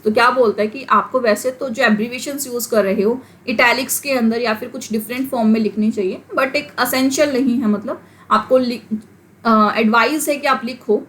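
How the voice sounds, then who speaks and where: A woman with an Indian accent teaching an English class, explaining in Hindi mixed with English and reading the English example sentences out slowly. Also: on the high side. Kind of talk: classroom lecture.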